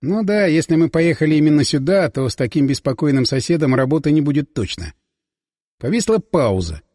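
A husky male narrator telling the story in the first person, his pitch rising and falling freely. His voice sits somewhat high for a man. The recording is close and dry, with a long reverb tail behind it. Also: animated, a little fast, warm tone. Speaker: audiobook narrator.

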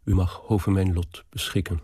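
A man reading aloud as a lovesick, anxious young woman, in a low, earnest, pleading tone. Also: flat delivery, moderate pace, dark tone, husky, dry recording, clean studio sound.

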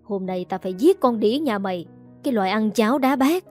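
A woman voicing a furious older mother-in-law who screams insults in a fast, harsh rant. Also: mid-range voice, expressive, dark tone, faint music behind, close to an everyday voice. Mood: enraged.

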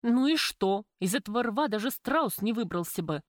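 A woman voicing a sharp-tongued, defiant young woman who speaks sarcastically in raised tones in an audiobook. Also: expressive, normal speed, no echo, clean studio sound, lightly acted. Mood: furious. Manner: sarcastic, pitched up and louder than the narrator.

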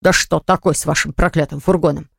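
Woman putting on a gruff male baker, low, blustering, surly, dry close mic. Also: fairly even intonation, brisk, dry recording, exaggerated voice. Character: gruff rude middle-aged male baker.

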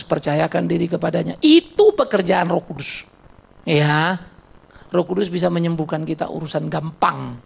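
In a gravelly, slightly rough voice, a male pastor preaches bluntly and emphatically in church. Rhetorical questions are aimed at the congregation, with sharp swings in pitch marking each point he stresses.

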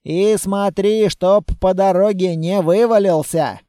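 A brisk male squad leader in an audiobook barks terse, blunt orders, read by the male narrator. The voice sits high and mellow, close and dry on the mic, and the commands come slightly louder than the narration. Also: dry recording. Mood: commanding. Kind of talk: audiobook character voice.

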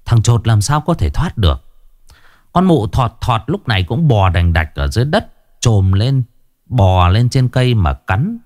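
A man narrating a ghost story with a lively storytelling delivery. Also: medium pitch, a little slow, no room sound, studio quality.

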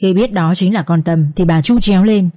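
A young woman narrating a Vietnamese family drama with lively, colloquial storytelling. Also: fairly low pitch, brisk. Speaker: audiobook narrator.

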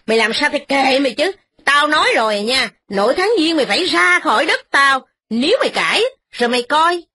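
A woman's voice: high voice, animated, a little fast, sharp tone, voice pushed up. A woman voicing a domineering rich landlady barking threats. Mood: threatening.

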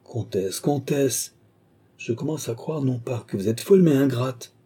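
A man voicing an old, fawning male courtier who speaks in a mincing, flattering way. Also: mid-range voice, unhurried, breathy edge, pitched above the performer's own voice. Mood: sly.

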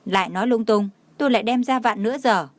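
A woman reading the lines of a calm, stern young woman who speaks flatly, for an audio novel. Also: on the high side, fast talker, dry recording, natural voice. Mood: cool stern. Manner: flat, unsmiling questions.

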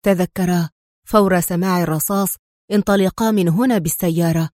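A woman voicing a bold male secret agent hero who speaks calmly, with mockery and firm command. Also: medium pitch, brisk, no room sound, clean studio sound, close to an everyday voice. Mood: tender. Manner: calm, mocking, commanding.

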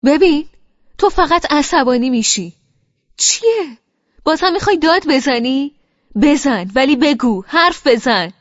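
A woman reading the lines of a sardonic man in an audiobook, in a husky, gravelly voice with a teasing, needling manner. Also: deep voice, lo-fi sound. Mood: angry. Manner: teasing, needling, then shouting. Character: sardonic adult man, mocking then angry.

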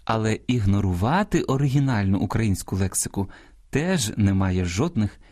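A man hosting a radio language program, reading a scripted lesson in a measured, teacherly way and speaking straight to his listeners. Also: lowish voice, animated, a little mellow, no room sound, clean studio sound. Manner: measured, didactic, addresses listeners directly.

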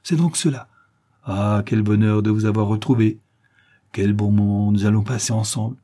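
An amorous middle-aged detective, as a male reader puts him on, gallant and excitable, pouring out flowery compliments. The voice sits low, dark and a little husky. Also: normal speed, lightly acted. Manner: effusive, flowery courtship.

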